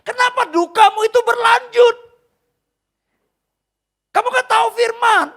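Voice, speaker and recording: A preacher voicing God, loud and soaring. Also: male voice, very high voice, fairly even intonation, unhurried, pitched above the performer's own voice, exaggerated voice. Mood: tender rebuke. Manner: loud, soaring, pleading reproach. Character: God speaking tenderly to his grieving son. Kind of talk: preached quotation in a sermon.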